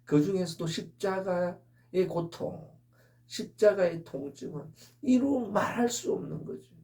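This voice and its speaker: High-voiced mellow man preaching a sermon. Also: lively intonation, a little slow, recorded from a distance. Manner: earnest, full of rhetorical questions. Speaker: pastor. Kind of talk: Easter sermon.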